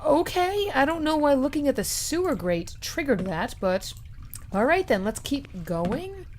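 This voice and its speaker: A woman's voice: high-pitched, very animated, unhurried, slight background noise. A young woman giving chatty, sarcastic commentary while playing a video game. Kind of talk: casual let's-play commentary.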